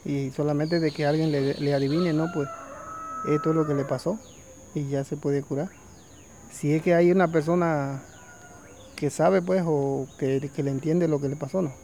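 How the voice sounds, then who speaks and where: Storyteller, male, casual oral telling, fairly high gravelly voice, faint crickets outside. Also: steady tone, normal speed, warm tone, a little hiss or hum. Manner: conversational, full of fillers.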